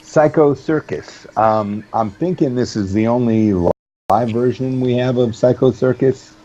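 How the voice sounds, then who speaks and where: A man co-hosting a casual music podcast, talking in a thoughtful, measured, somewhat hesitant way. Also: medium pitch, dark tone. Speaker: podcast co-host. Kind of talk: casual chat. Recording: dull lo-fi audio.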